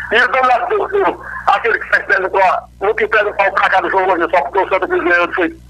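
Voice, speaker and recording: Calling a radio program over a crackling cordless telephone, this Northeast Brazilian listener rambles on with hellos to his friends. He talks fast in a high-pitched, gravelly, husky voice with a sharp tone and big swings in pitch.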